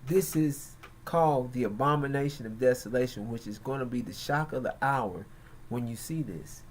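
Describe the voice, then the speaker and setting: A man hosting religious and political commentary, speaking in a halting, emphatic way with frequent pauses. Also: medium pitch, a little hiss or hum. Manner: slow, halting, emphatic delivery. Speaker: host.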